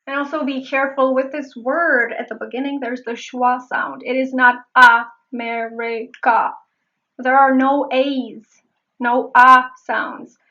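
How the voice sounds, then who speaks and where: A woman accent coach teaches pronunciation in a high voice, slowly and carefully. She repeats single words to demonstrate each sound. The recording is slightly dull and muffled. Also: steady tone, sharp tone. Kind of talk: pronunciation lesson.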